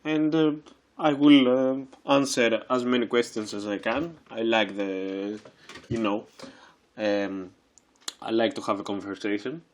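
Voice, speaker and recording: A man's voice: fairly low pitch, fairly even intonation, a little slow. A man in his twenties from Greece, hosting a casual solo podcast, who talks with many fillers and restarts. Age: 20s. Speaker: podcast host.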